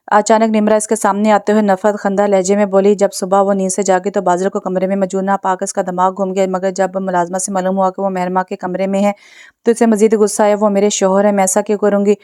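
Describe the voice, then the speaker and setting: Woman narrating a novel, smooth clear voice, dry close sound. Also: medium pitch, warm tone, no echo. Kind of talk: reading a novel aloud.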